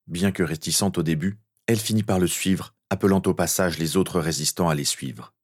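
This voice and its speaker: A man narrating a fan-fiction story as an audiobook in a steady, earnest way. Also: low voice, moderate pace.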